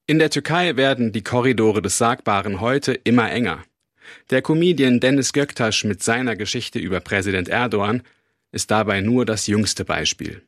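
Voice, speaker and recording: A man's voice: lowish voice, normal speed, dry recording, studio quality. A male reporter narrating a scripted radio news report in a matter-of-fact way.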